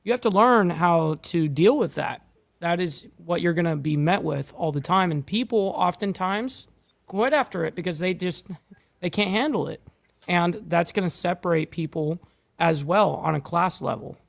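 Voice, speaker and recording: A man's voice: high-pitched, animated, moderate pace, gravelly. A man in a podcast conversation, blunt and casual, who swears freely.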